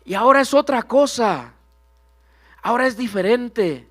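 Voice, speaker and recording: High-voiced fervent preacher. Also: male voice, animated, measured pace, a bit bright. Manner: fervent preaching, often addressing the congregation directly. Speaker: minister. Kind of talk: Pentecostal sermon. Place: church sanctuary.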